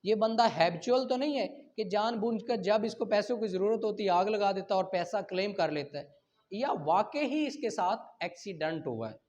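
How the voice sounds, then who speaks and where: Speaking with a Pakistani accent, this law lecturer reads out statutes and then explains them, asking rhetorical questions and making sure his students keep up. His voice sits high and darkish, with lively intonation at a moderate pace, captured on a dull lo-fi recording.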